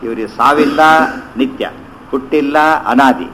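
Man teaching slow scripture recitation. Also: medium pitch, fairly bright tone, slight background noise, poor audio. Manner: chants verses slowly, then explains conversationally with rhetorical questions. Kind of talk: scriptural commentary lecture.

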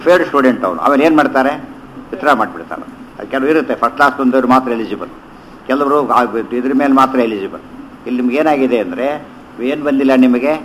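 A man teaching a scripture commentary, chanting verses slowly and then explaining them conversationally with rhetorical questions. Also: medium pitch, a bit bright, slight background noise, rough recording.

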